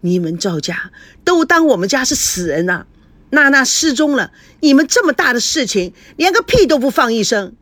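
A woman's voice: sits high, very animated, normal speed, fairly bright tone, dry recording, voice pushed up, exaggerated voice. A woman doing a furious middle-aged boss father. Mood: accusing. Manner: bellowing, furious.

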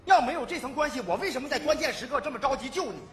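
A man performing a live comedy sketch on stage, pleading and excitable, shouting his punchlines. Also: very high-pitched, racing. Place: stage before a live audience. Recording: noisy live stage with audience laughter. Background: audience laughter and hall noise.

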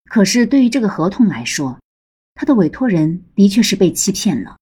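A woman's voice: mid-range voice, very animated, fairly quick, dark tone, slightly rough. A woman narrating a serialized audiobook with a lightly humorous storytelling manner.

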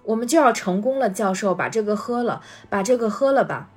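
A woman's voice: medium pitch, a little fast, husky, soft background music, close to an everyday voice. A woman reading a storybook aloud and voicing a desperate teenage boy wizard who urges and coaxes. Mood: coaxing. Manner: urgent, insistent coaxing.

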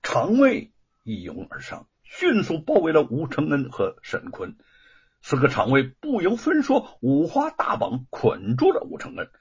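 A man narrating a novel as an expressive storyteller. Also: a little slow, husky. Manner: expressive storytelling with swooping pitch. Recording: dull lo-fi recording.

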